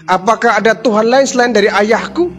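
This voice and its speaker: A man's voice: high-pitched, a little fast, a bit bright, pitched above the performer's own voice. A man playing a curious young princess. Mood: reporting. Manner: wondering questions.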